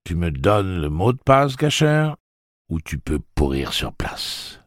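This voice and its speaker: A man voicing a sardonic adult man who speaks in a slow monotone drawl. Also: low voice, no echo, clean studio sound, pitched above the performer's own voice, exaggerated voice.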